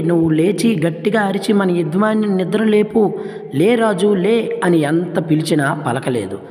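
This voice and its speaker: A man's voice: medium pitch, a little mellow, long reverb tail. Man telling a moral story. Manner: asks listeners rhetorical questions. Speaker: teacher storyteller. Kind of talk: scripted moral story narration.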